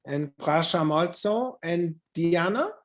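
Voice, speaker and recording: A moderator opening an online conference session over a video call. The delivery is halting and full of restarts, with the odd phrase from another language slipped in. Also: mid-range voice, lively intonation.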